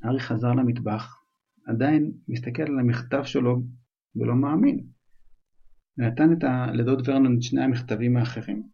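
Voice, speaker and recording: A man with a gravelly, husky voice reads a storybook chapter aloud, retelling it loosely in an everyday, conversational way. The recording sounds dull and lo-fi. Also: mid-range voice.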